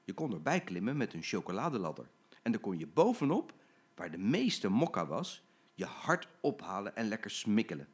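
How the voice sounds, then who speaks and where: Expressive older man reading a storybook. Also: lowish voice, normal speed, slightly rough. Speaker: grandfather reading aloud. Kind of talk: reading a children's story aloud.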